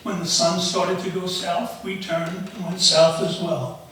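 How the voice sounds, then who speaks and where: Man in his 70s, stage storyteller, measured phrasing, slightly high voice, very echoey auditorium. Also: flat delivery, fairly bright tone. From United States, raised in the Bronx. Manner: measured, short phrases with pauses. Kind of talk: live personal storytelling. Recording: very echoey auditorium, noisy, distant.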